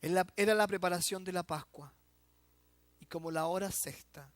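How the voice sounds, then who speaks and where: A man's voice: sits high, normal speed, no echo. A man preaching a sermon as pastor, emphatic and drawn out, often asking the listener rhetorical questions. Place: church.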